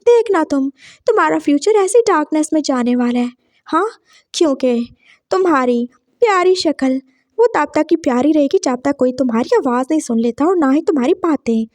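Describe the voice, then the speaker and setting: A woman's voice: high-pitched, animated, moderate pace, a little mellow, dry recording. A woman voicing a cocky young male college student who taunts and teases in a story reading. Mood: taunting. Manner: taunting, teasing.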